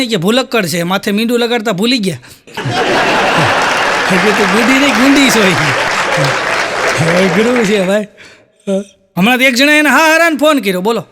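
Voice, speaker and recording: A man with a Kathiawadi Gujarati accent telling stand-up jokes on stage as a folk comedian. He strings together quick anecdotes, tags quotes with repeated markers and keeps coming back to a catchphrase. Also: high-pitched, sharp tone.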